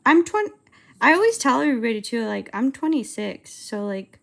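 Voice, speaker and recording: A woman's voice: fairly high pitch, sing-song, normal speed, creaky. A woman in her twenties chatting casually on a livestream while she animates, rambling and hesitant, with lots of filler words. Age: 20s. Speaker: streamer and animator.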